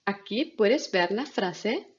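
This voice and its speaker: Slow, husky-voiced woman teaching grammar. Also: medium pitch, lively intonation, dull audio. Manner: patient, step-by-step instructions to students. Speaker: Spanish teacher. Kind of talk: recorded grammar lesson.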